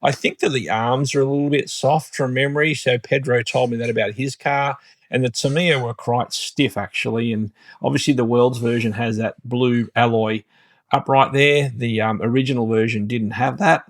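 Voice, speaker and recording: A man's voice: medium pitch, fairly even intonation, moderate pace, no room sound. A man hosting a hobby channel, talking casually through a build with many fillers, self-corrections and asides.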